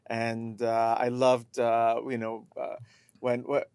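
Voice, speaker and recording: A middle-aged man from Lebanon talks in a relaxed podcast chat, his voice at an everyday middle pitch. He speaks reflectively and pauses often to find the next word. The sound is close and dry, with no room echo. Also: clean tone. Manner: reflective, halting, searches for words. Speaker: podcast co-host, coach. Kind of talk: casual conversational podcast.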